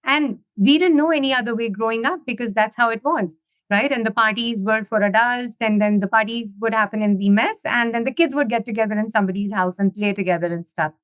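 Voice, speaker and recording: A woman, chatting at length as an interview guest. Her voice sits a little high and is recorded dry and close. She keeps threading "you know" and "right?" through long stories. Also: brisk, no room sound. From India. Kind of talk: casual interview conversation.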